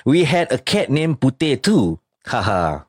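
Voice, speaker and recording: A man's voice: medium pitch, sing-song, measured pace, no echo, studio quality. A man with a Singaporean accent hosting a casual live chat and reading out viewer comments. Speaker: talk show host.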